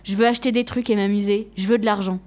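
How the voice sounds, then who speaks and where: A woman voicing a boy who grows into a tired old man, read in a quieter, lower tone. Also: fairly even intonation, quick pace, close to an everyday voice. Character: boy growing into a weary old man, always wanting more.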